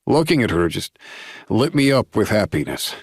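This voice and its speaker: Man doing old werewolf pack leader, fond and effusive, husky, audiobook. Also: on the low side, very animated, normal speed, dry recording, clean studio sound, voice pushed up, exaggerated voice. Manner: warm, delighted, effusive. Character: jovial older male werewolf pack leader, doting father. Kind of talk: audiobook character voice.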